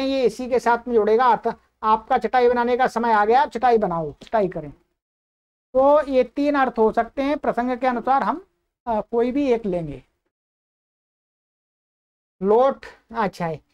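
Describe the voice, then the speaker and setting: A woman with a somewhat high voice teaching a grammar lesson. She poses questions to her listeners and answers them herself. She slows right down when she recites each example. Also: smooth, highs cut off. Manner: slow, drawn-out recitation of Sanskrit examples. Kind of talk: explanatory lesson.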